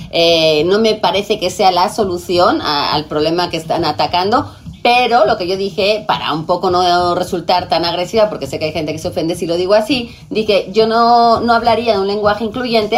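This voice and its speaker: A woman in her forties from Spain with a lisping Castilian accent, speaking casually in an outspoken, emphatic way. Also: on the low side. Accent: Castilian Spanish. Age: 40s. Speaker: guest, television presenter. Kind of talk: casual conversation.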